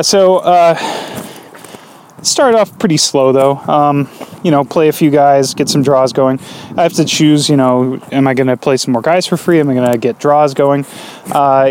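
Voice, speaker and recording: A man hosting a podcast on his own, rambling and hesitant with many fillers, recorded in low quality while walking a dog outdoors. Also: a little mellow, a little hiss or hum. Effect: low-quality audio, recorded while walking outdoors. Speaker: podcast host. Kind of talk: casual solo podcast chat.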